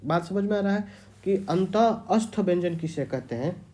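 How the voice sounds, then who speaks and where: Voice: mid-range voice, animated, moderate pace, mellow. A teacher giving an exam-prep grammar lecture, repeating key terms and quizzing the students.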